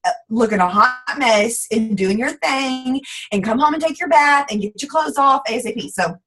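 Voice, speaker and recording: Fast-talking Southern woman, bubbly, breathy. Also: sits high, a bit bright, poor audio. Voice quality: fast, bubbly, says "like" a lot. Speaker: guest speaker. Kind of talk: casual team call talk.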